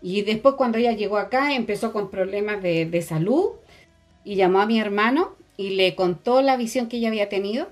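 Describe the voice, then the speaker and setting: A woman's voice: medium pitch, fairly quick, faint music behind. Woman telling a testimony. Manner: storytelling, hesitant with fillers. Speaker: radio co-host.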